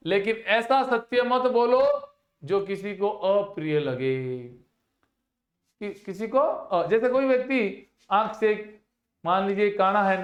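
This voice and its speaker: A man teaching a class of children with a high voice. He works through each verse patiently, putting questions to the class and answering them himself. The sound rings in an echoey room. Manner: repeats points and asks the children questions, then answers them. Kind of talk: classroom lesson explaining Sanskrit verses in Hindi.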